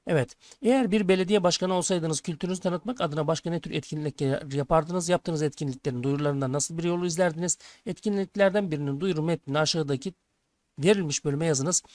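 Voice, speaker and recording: A man's voice: a little high, fast talker, darkish tone, no echo. Man teaching a Turkish lesson. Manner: addresses pupils as friends, reads questions aloud then answers. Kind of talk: textbook lesson walkthrough.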